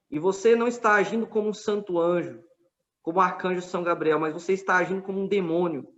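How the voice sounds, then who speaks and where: A man's voice: high-pitched, muffled recording. A man with a Brazilian Portuguese accent telling a story in a casual podcast chat, earnest and full of quoted back-and-forth. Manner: earnest, retelling a street debate with quoted dialogue.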